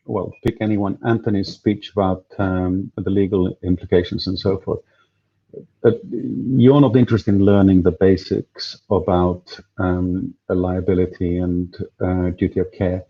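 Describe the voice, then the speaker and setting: The lo-fi audio captures a deep-voiced man speaking unhurriedly with fairly even intonation. He is organizing an event and chatting casually on a video call through headphones, hesitating and restarting with plenty of fillers.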